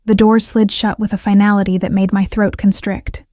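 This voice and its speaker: A woman reads a first-person romance story at a measured, steady pace. Her voice is mellow and held to a narrow, even tone, and the sound is dry and close. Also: medium pitch, dry recording. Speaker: audiobook narrator.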